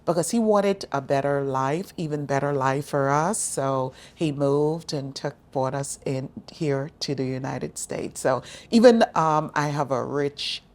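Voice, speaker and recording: A woman's voice: low-pitched, darkish tone. A woman from the Bahamas, a university student success director, telling her story as an interview guest in an earnest, reflective way. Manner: earnest, reflective, unhurried with fillers.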